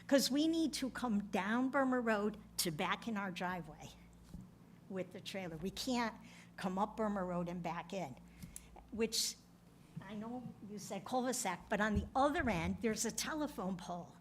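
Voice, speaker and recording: A woman's voice: mid-range voice, lively intonation, normal speed. A woman giving public comment at a meeting as a resident, asking practical questions. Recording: faint hum and background noise.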